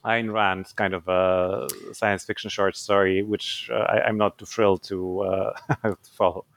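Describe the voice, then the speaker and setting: A man's voice: low voice, little pitch movement, a little slow, a bit bright. A man, an author giving thoughtful interview answers, hesitant with many fillers and restarts. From Poland. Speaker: author guest.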